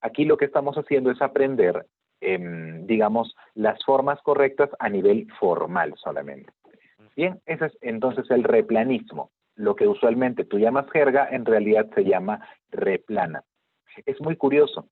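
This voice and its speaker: A man's voice: lowish voice, expressive, moderate pace, no room sound. A man teaching an online class, explaining patiently and often checking in with his students. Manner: explanatory, checks in with frequent "¿de acuerdo?". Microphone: video call. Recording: tinny phone-like video call audio.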